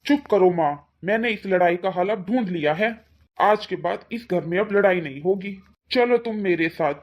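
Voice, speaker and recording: A woman's voice: medium pitch, normal speed, darkish tone, close to an everyday voice. A woman voicing a weak-willed, easily swayed father and husband in a cartoon, coaxing and scolding by turns. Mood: stern.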